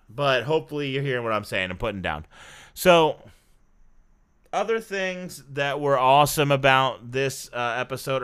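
A man's voice: mid-range voice, sharp tone, clear, resonant tone. A man hosting a podcast, chatting casually and reviewing a show in a rambling, self-correcting way. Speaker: podcast host.

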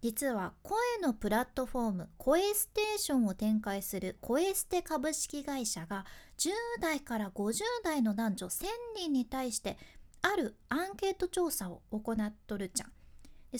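Female voice coach with a Fukuoka accent, fairly high and very animated, a chatty, casual lesson. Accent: Fukuoka dialect. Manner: chatty and expressive, switching between polite and dialect speech. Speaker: voice and speaking coach.

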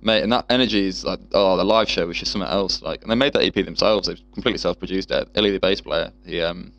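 A man's voice: sits low, fast talker, gravelly, a bit bright. A man in casual chat, rambling and swearing freely with lots of fillers. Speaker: guest musician.

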